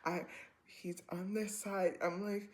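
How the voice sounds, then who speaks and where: A woman in her twenties telling a personal story to camera in a rambling, animated way, full of slang and filler words. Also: medium pitch, slow. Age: 20s. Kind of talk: casual storytime vlog.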